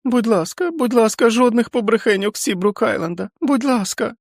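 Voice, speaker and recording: A man's voice: very high-pitched, expressive, moderate pace, no room sound, clean studio sound, voice pushed up, full character voice. A tearful feverish boy. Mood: tearful pleading. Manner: pleading, tearful. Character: feverish frightened teenage boy, whimpering like a small child.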